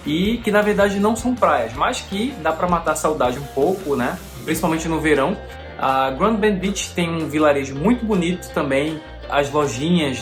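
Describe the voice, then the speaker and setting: A man's voice: a little high, a bit bright. A man from Recife, narrating a travel vlog voice-over in a friendly, upbeat way, with music playing underneath. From Recife, Brazil. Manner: friendly, upbeat, recommending places. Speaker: travel vlogger. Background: background music.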